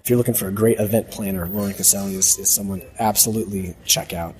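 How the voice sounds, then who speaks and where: A man with a hoarse smoker's rasp, talking as host in a casual, reflective, off-the-cuff audio diary and often repeating a phrase as he goes. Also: on the low side, fairly even intonation, quick pace, darkish tone, slight background noise. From United States. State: hoarse voice from a long trip. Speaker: podcast host.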